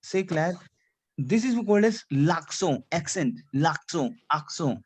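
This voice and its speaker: A French teacher leading an online class in English peppered with French phrases, often repeating words and asking whether everything is clear. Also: medium pitch, animated, measured pace. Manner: repeats phrases, checks understanding with "C'est clair? D'accord?"; mixes English with French phrases and a little Hindi.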